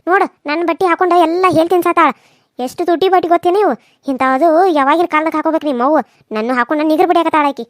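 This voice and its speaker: Cartoon role: woman playing a scornful village woman, North Karnataka accent, loud mocking scold, dry sound. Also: very high-pitched, fast talker, no room sound. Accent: North Karnataka Kannada. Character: scheming village woman, sharp-tongued and scornful.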